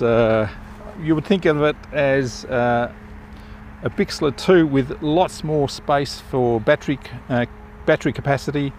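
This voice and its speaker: An older man flies a model plane in an open field, his mid-range voice relaxed and enthusiastic as he thinks aloud. He's an RC pilot reviewing the plane in casual live commentary, with slight background noise.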